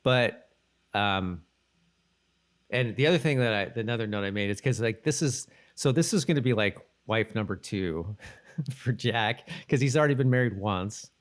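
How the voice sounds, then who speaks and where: A podcast co-host chats casually, rambling a bit as he loosely retells scenes and dialogue in a conversational recap. His voice is fairly low, animated, and at normal speed.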